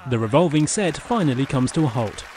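A man's voice: mid-range voice, animated, fairly quick, shouting, over loud music. A man giving scripted, matter-of-fact audio description of action in the present tense.

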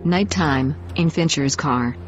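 A woman's voice: low-pitched, slow pace, lo-fi sound, soft background music. A woman reading scripted audio description of on-screen scenes as a narrator.

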